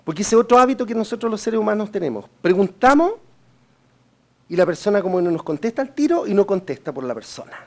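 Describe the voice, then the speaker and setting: Speaking quickly and with lots of animation, a high-pitched man with a Chilean Spanish accent delivers a sales training seminar. He addresses listeners directly as a coach and keeps asking "right?" to check in.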